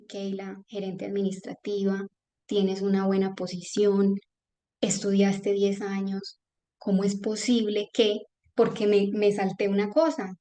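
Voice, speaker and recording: A woman, sharing a personal testimony with an audience and acting out the voices in her story. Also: fairly high pitch. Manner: animated storytelling, acts out quoted voices. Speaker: testimonial speaker.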